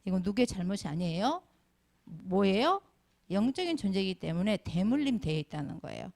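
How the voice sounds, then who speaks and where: Speaking briskly in a creaky mid-range voice, a middle-aged woman preaches a Sunday school lesson to kids. Her manner is animated, and she constantly quizzes the children with questions.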